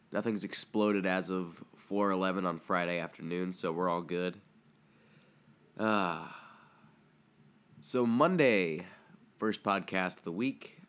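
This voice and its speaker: A man's voice: sits low, fairly bright tone, smooth. A young man hosting a casual podcast, his voice stuffy from a cold, talking loosely with lots of ums and uhs. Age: young adult. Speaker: podcast host. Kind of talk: casual solo podcast chat.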